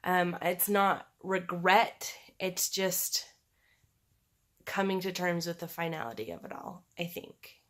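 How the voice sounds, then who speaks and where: A woman with a scratchy, sore-throat voice talking in a halting, candid, conversational way, as in a casual personal video diary. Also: fairly low pitch, fairly bright tone. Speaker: personal vlogger.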